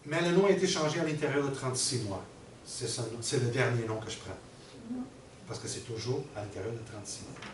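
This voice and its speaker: A man's voice: medium pitch, a little fast. Man teaching a workshop. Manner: explanatory, checks in often with the audience. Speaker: workshop presenter. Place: workshop room with an audience. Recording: roomy and distant with background noise.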